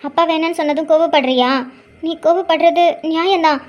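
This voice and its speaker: Woman voicing a young mother, cartoon drama, tearful, pleading, resolute, high voice. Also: steady tone, brisk, highs cut off.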